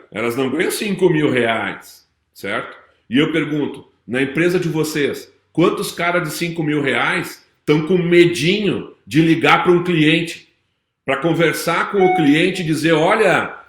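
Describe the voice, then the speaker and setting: A man's voice: medium pitch, fairly bright tone. A man, a speaker and business consultant giving a live talk to a corporate audience, emphatic and repetitive, ending lines with tag questions. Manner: emphatic, repeats phrases, tags lines with "certo?" and "não é?". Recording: echoey room.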